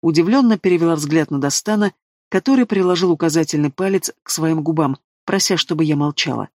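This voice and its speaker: A man reading a fantasy novel aloud in a steady, expressive narration. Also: on the high side, brisk, no room sound, studio quality. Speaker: audiobook reader.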